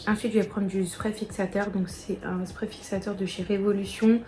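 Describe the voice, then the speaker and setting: A woman's voice: medium pitch, flat delivery, moderate pace, a little mellow. Young woman chatting through her makeup routine, talks right to viewers, faint music behind. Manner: chatty, addresses viewers directly. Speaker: beauty vlogger. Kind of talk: casual makeup tutorial.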